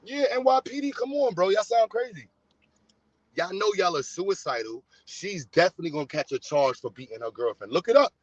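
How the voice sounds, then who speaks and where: This American host runs a casual livestream, speaking to his audience in a blunt, teasing, animated way at a brisk pace. His high voice comes across close and dry with no room echo. The recording is dull and lo-fi.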